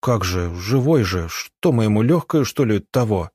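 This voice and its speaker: A man voicing a timid, earnest young female village nurse who talks in anxious, hurried pleas. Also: lowish voice, animated, darkish tone, slightly rough, no room sound.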